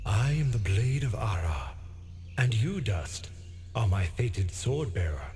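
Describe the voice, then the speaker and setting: A man voicing an ancient talking sword in a video game, a wise, calm spirit who speaks formally and gravely. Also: lowish voice, slow pace, soft background music.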